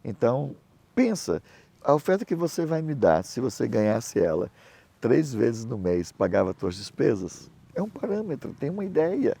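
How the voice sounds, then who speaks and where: At medium pitch and a moderate pace, this middle-aged man sounds creaky with a breathy edge, in a dry recording. A pastor and missionary, he preaches through lively storytelling, taking on the voices of the people in his quotes.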